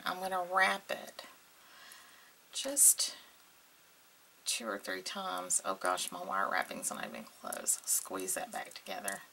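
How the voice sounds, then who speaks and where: A woman hosting a casual craft tutorial with a gravelly voice and a slightly sore throat, murmuring unhurriedly as she works. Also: mid-range voice, pushed and bright, slight background noise, poor audio. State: slightly sore throat, clearing it now and then. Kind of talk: casual hands-on craft tutorial, talking while working.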